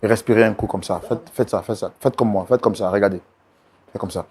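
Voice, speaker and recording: Male mediator host, firm and insistent, calms guests down. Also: fairly low pitch, a little fast, slightly rough. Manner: insistent, repeats commands to calm down. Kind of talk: mediating a couple's dispute.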